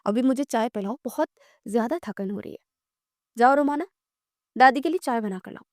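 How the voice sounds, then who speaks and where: A woman's voice: on the high side, normal speed, darkish tone, no room sound, clean studio sound, natural voice. A woman voicing a tender tired old grandmother. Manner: tender, soothing.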